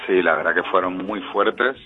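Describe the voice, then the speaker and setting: Deep-voiced Venezuelan-born man on a phone line. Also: moderate pace, music in the background. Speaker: politician, interview guest. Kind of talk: radio interview.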